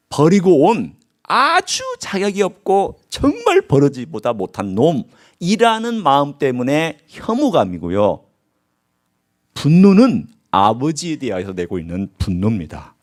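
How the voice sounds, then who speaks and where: A man preaching a sermon as pastor, asking his congregation questions and swinging his voice high and low as he acts out the scripture. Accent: Korean. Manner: animated preaching with sharp pitch swings. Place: church sanctuary.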